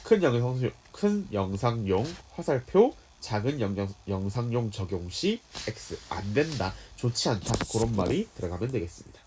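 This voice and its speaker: A man's voice: medium pitch, very animated, moderate pace, hardly any pauses, a little mellow, a little hiss or hum. A male English teacher in an exam-prep lecture, politely telling students what notes to write. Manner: polite explanatory, dictating notes.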